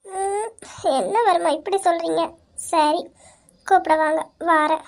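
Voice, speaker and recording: A woman voicing a tearful, very high-voiced young wife. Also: steady tone, unhurried. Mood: sulky, coaxing. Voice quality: very high, girlish voice. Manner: pleading, sobbing between words. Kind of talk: hobby audio drama acting.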